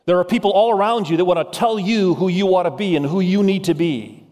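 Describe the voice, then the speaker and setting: A man who grew up in Indonesia, preaching a sermon as pastor, urging the congregation with animated delivery. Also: high-pitched, fairly quick, big-room sound.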